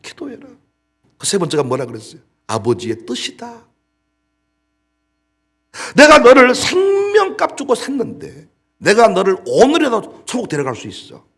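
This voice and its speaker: A man preaching a sermon as pastor, scolding and exhorting his congregation, shifting between loud bursts and low asides. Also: wildly swooping pitch, fairly quick, slightly rough.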